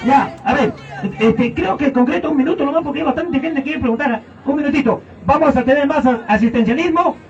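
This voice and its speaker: A man's voice: very high-pitched, a little fast. A Peruvian man moderating an outdoor debate in a stern, commanding way, scolding the audience. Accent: Peruvian Spanish. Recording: muffled distant recording with crowd noise.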